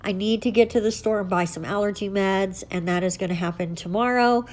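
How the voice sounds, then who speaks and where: A woman hosts her nail art channel in a chatty, upbeat tutorial style, her medium-pitched, slightly mellow voice moving briskly. Allergies have left her nose stuffy, and she corrects herself now and then during the casual tutorial chat.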